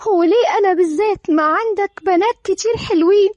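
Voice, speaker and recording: A woman's voice: very high voice, fast, dry recording, highs cut off, voice pushed up. A woman with an Egyptian accent voicing a tearful young bride in a storybook reading, pleading. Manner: pleading through tears.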